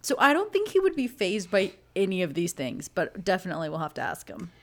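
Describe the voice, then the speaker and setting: A woman in her thirties tells stories in a casual chat as a co-host. She is animated and giggly, and she acts out the scenes. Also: fairly low pitch, fairly quick. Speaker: podcast co-host.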